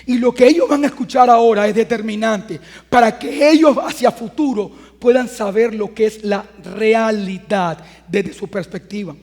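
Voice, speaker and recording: A man in his thirties preaching a sermon as a pastor, talking conversationally and then swelling into loud, emphatic passages. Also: sits high, normal speed, hardly any pauses, long reverb tail. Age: 30s.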